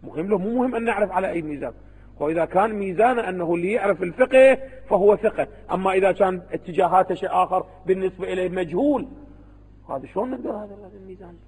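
A man's voice: high-pitched, very fast, a little mellow, husky, big-room sound, low-quality recording. A man with an Iraqi Arabic accent, a religious scholar giving a seminary lecture to students, who keeps posing rhetorical questions and answering them himself.

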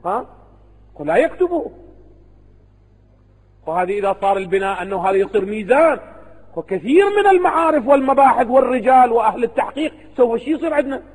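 A man's voice: very high-pitched, lively intonation, fast talker, long pauses, a little mellow, slightly rough, long reverb tail, low-quality recording. A man with an Iraqi Arabic accent, a religious scholar giving a seminary lecture to students, who keeps posing rhetorical questions and answering them himself.

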